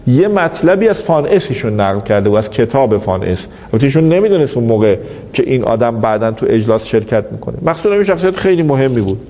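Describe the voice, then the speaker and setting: Gravelly man lecturing with a story. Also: medium pitch. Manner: storytelling, animated quoting of others. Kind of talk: anecdotal lecture. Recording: reverberant hall, faint background noise.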